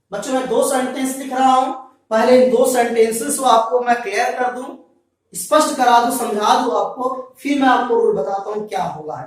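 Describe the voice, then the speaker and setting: A man teaching a grammar lesson to a class. He keeps repeating points and quizzing the students. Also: very high-pitched. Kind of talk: classroom lecture. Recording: very echoey room, mic far off.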